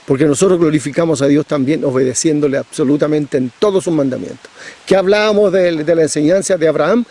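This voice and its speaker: A man's voice: fairly high pitch, quick pace, warm tone. A middle-aged man preaching a sermon, pressing his points with repetition and rhetorical questions.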